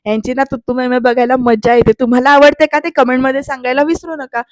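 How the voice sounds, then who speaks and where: A woman narrating a voice-over recap of a TV serial, telling the story in a lively way and talking straight to her viewers. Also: sits high, quick pace, no echo.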